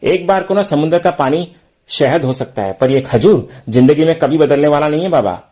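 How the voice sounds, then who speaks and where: A man's voice: fairly high pitch, normal speed, warm tone, natural voice. A man reading as a blunt, slangy young tough.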